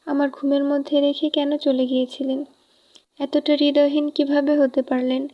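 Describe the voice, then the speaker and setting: A woman's voice: high voice, flat delivery, moderate pace, lightly acted. A woman reading a storybook, voicing an emotional, pleading young woman in love. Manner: pleading, tearful. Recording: dull lo-fi recording.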